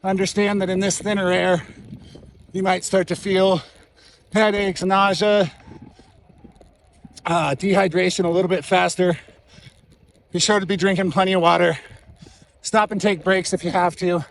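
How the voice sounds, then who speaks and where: A man's voice: high voice, little pitch movement, normal speed, pauses often, slight background noise. A man out of breath, recording a casual vlog outdoors on a mountain trail while he rides, with a camera mounted on his bike, and he talks in short bursts between pedal strokes. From Colorado. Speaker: real estate agent vlogger.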